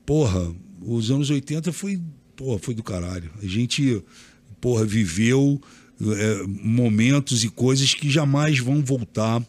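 A man's voice: mid-range voice, a little slow, darkish tone. A man in a casual podcast chat talking nostalgically with swearing. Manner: nostalgic, profane.

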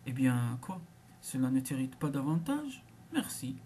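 A woman reading the part of a capricious young woman who taunts her lover, in a low half-whispered voice. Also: very animated, unhurried, mellow, a little hiss or hum, heavily acted. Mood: taunting.

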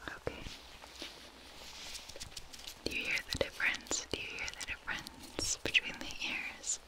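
A soft-spoken young woman doing a hushed, soothing whispered role-play as a gentle examiner, very close to a binaural microphone. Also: measured pace, rough recording. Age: young adult. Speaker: ASMR performer playing a gentle examiner. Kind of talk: whispered role-play, ASMR hearing test. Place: small indoor room with curtain backdrop. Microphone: binaural microphone with ears, very close.

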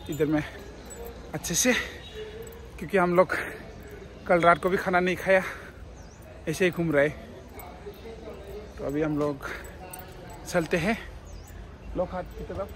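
A young man vlogging his trip, chatting as he walks outdoors with a phone held at arm's length. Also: fairly high pitch. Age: young adult. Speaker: travel vlogger. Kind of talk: casual travel vlog. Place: outdoors at a busy festival and roadside. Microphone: phone camera held at arm's length. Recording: noisy outdoor phone recording.

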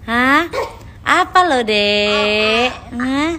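A woman's voice: on the high side, expressive, drawn-out words, bright, forceful tone. A woman chatting playfully with small children in a casual home video. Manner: playful teasing talk to a baby. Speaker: family member filming children.

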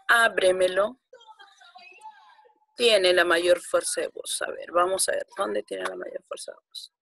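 A woman's voice: medium pitch, gravelly, fairly bright tone. A woman teaching a grammar lesson to primary school children, patiently counting out syllables one by one.

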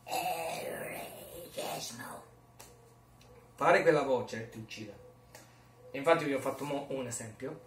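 A man's voice: medium pitch, background noise. Rambling, jokey male vlogger. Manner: rambling, jokey, self-mocking. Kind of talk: casual chat. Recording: roomy echo, mic far off.

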